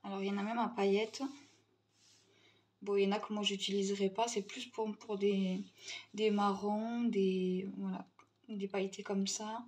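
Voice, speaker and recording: A young adult woman from Tunisia, chatting casually in a haul video, pausing often and restarting her sentences. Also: medium pitch, level tone, darkish tone. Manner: hesitant, many fillers and restarts, chatty. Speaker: vlogger.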